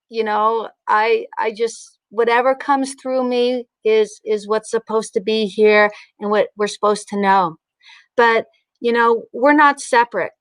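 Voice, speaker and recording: A woman teaching mindfulness and guided breathing in an informal, instructional way, leaving pauses between her phrases. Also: a little high, clear, resonant tone, no room sound. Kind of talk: guided breathing meditation and informal spiritual talk.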